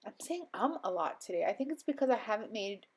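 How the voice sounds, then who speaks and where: A young crafting vlogger recovering from a cold narrates a voiceover at home on a voiceover mic, sounding slightly stuffy. She rambles chattily with lots of ums and little laughs, her medium-pitched voice very animated, quick, darkish and slightly rough.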